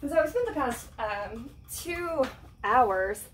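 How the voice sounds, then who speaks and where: A woman's voice: sits high, lively intonation, takes it slowly, fairly bright tone, slight background noise. A woman chatting casually to camera while painting, giggly and self-mocking. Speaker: vlogger. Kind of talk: casual home vlog.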